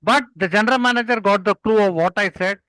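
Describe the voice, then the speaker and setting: An older man from Kerala, a native Malayalam speaker with a South Indian accent, talks in a high, fast voice with a fairly bright tone. He's an experienced club speaker appearing as a guest, telling stories and offering earnest, emphatic advice in conversation. The recording is rough, with no room sound.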